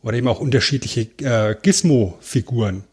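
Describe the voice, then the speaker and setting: A man co-hosting a casual film podcast, explaining things in a joking, measured way. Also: mid-range voice, a little mellow, husky. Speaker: podcast co-host.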